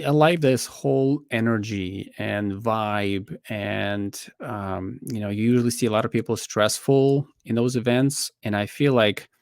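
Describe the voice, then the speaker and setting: 30s guy from latvia, wedding photographer, kinda low voice, dry sound, explains stuff earnestly. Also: gravelly, dry recording. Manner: earnest, measured, explaining with fillers. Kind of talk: casual interview answers. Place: indoor studio room, on a video call.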